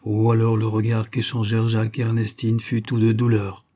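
Husky, low-voiced male audiobook narrator. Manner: measured, expressive phrasing in short clauses. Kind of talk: audiobook narration of a serial novel.

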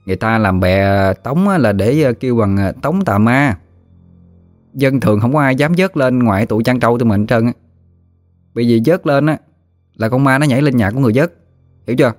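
A man's voice: mid-range voice, brisk, long pauses, darkish tone, faint music behind, pitched above the performer's own voice, natural voice. A man voicing a chubby, joking village boy, offhand and lazy.

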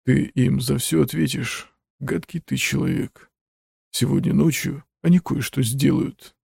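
Frail old man, furious, accusing, slow shouting, husky, voiced by a man. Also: medium pitch, no echo, exaggerated voice. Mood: feeble.

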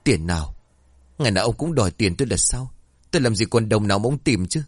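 A man's voice: on the low side, animated, quick pace, husky, no room sound. A man voicing a poor, devoted mother who pleads tearfully and speaks tenderly to her son. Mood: pleading.

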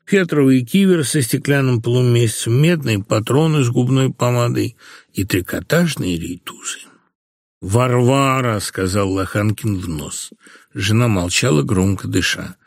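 A man reading a satirical novel aloud in an expressive, ironic storytelling manner. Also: mid-range voice, creaky, no echo, studio quality. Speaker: reader of a novel. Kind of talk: literary audiobook reading.

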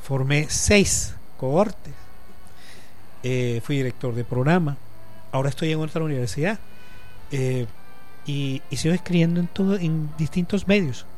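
A man in his fifties with a Caribbean Colombian accent and a slightly higher-than-usual pitch for a man. He talks in a relaxed radio interview, working through long, reflective explanations. He pauses often and leans on small fillers as he thinks. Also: soft background music. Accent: Colombian Caribbean coast. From Colombian Caribbean coast. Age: 50s. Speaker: guest, journalist and lecturer. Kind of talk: casual radio interview talk.

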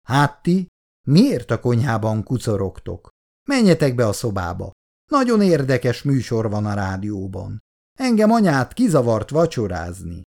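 A man's voice: mid-range voice, wildly swooping pitch, vocal fry, darkish tone. A reader voicing an easygoing middle-aged father who chats genially in a storybook reading.

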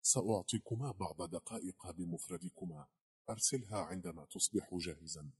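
A man voicing a composed middle-aged woman official, speaking in a measured, reassuring way in a storybook reading. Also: low-pitched, big pitch swings, gravelly, a little mellow, breathy edge, heavily acted.

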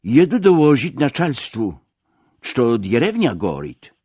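A man's voice: medium pitch, wildly swooping pitch, slow pace, mellow, breathy edge, no room sound, clean studio sound, voice pushed up, heavily acted. A man voicing a defiant village policeman who speaks Polish with a Russian accent. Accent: Russian-flavoured Polish. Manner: stubborn, curt.

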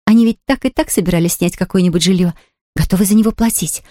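A woman reading aloud, voicing an eager, chatty young girl who talks in quick exclamations. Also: mid-range voice, a little mellow, dry recording, clean studio sound, close to an everyday voice. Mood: excited. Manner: breathless, rapid, exclamatory.

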